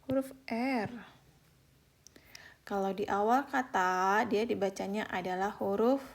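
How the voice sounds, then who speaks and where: This young woman, a Korean language teacher, runs a patient beginner lesson online, slowly repeating example words and often calling her viewers friends. Her voice sits in the mid range and has some vocal fry.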